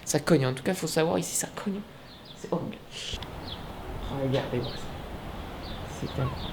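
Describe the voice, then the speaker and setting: A man chatting casually as he films a tour of a holiday apartment, joking and filling pauses with hesitations. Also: fairly high pitch, vocal fry, very noisy. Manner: chatty, joking, many fillers. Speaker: vlogger. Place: indoors and on a balcony.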